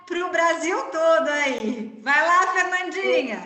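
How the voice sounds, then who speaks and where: A woman's voice: extremely high pitch, slow pace, sharp tone. A woman moderating an online event over a video call. She speaks encouragingly and addresses the audience directly. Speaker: event mediator. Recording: roomy echo.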